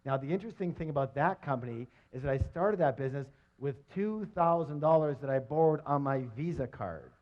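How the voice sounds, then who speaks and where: A middle-aged man giving a live motivational seminar on stage, energetic and quizzing his audience, on a dull lo-fi recording. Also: on the high side, brisk, few pauses. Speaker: seminar presenter.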